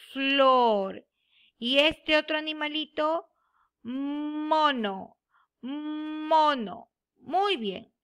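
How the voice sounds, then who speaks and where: Slow, bright Peruvian woman teacher. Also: high-pitched. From Peru. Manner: slow, drawn-out word repetition with encouraging praise. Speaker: primary school teacher. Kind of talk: recorded remote lesson for young children.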